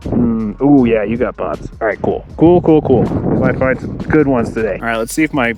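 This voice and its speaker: A man's voice: medium pitch, moderate pace, dull audio, over music. Breathless man hiking outdoors at dusk. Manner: enthusiastic, chatty, laughs often. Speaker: rock hunting vlogger. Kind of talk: casual vlog narration while hiking. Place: outdoors at dusk on a rocky hillside. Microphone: action camera and phone.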